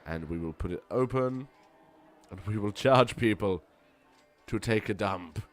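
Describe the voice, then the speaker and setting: Hoarse low-voiced man gaming chat. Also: a little slow, faint music behind. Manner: playful, chatty, jokey asides to viewers. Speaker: let's play gamer. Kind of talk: casual gameplay commentary.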